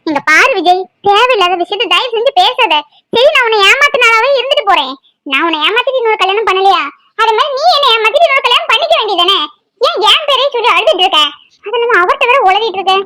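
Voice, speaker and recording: A young woman in a cartoon drama pleads with her old flame in a very high, bright and rapid voice. She sounds exasperated and defensive. A woman acts her out. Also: animated, full character voice.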